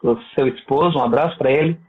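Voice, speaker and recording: A man's voice: on the high side, quick pace. Seminarian guy asking questions over a thin phone-like line. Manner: warm, admiring, asks questions. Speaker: seminarian co-interviewer. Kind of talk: casual interview questions. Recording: tinny remote call line.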